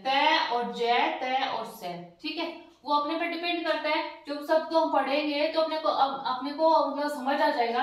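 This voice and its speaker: A woman teaching the alphabet, patiently spelling letters one by one and checking in with her learners. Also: high-pitched. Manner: patient, spells letters one by one, often says "theek hai". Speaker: language teacher. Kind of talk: slow step-by-step alphabet lesson. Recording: very echoey room, distant mic.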